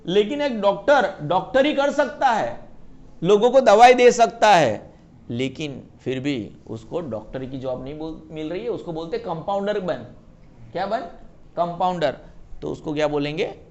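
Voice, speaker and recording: A man's voice: high-pitched, lively intonation, measured pace, a little mellow, lo-fi sound. A male economics teacher giving a classroom lecture, mixing Hindi and English, often asking students if they have any doubt and singing a catchy mnemonic line.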